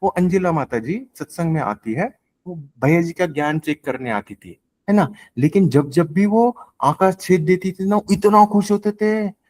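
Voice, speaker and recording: Earnest, halting man with higher voice. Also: expressive, darkish tone. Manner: halting and repetitive, restarts often; earnest, mixes in English words. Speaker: devotee sharing testimony. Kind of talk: devotional testimony at a spiritual gathering.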